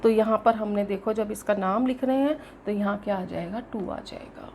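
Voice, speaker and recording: A woman's voice: medium pitch, moderate pace, a little hiss or hum. A woman chemistry teacher giving a classroom lecture step by step, asking questions and answering them herself. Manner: explains step by step with lively emphasis.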